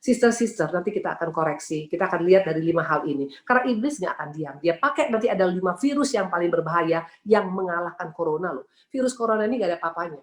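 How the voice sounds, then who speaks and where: Fast-talking woman preacher in echoey room. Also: lowish voice. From Indonesia. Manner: lively, rhetorical questions, addresses listeners as sisters. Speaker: women's ministry speaker. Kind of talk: sermon. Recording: roomy echo.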